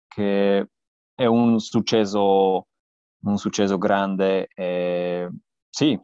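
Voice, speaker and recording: A man with a Slovak accent answers interview questions very slowly, haltingly searching for words in a language that is not his own. His voice is low and smooth, heard through dull video-call audio. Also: a little mellow, dry recording. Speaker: guest cycling journalist and podcaster. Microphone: earphone headset on a video call.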